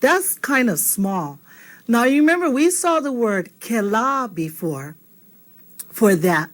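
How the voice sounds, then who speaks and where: In a casual video lesson, a woman who teaches Hawaiian goes over vocabulary in a slow, sing-song, fairly high voice. She chats as she teaches and keeps asking the learner "okay?" after nearly each point.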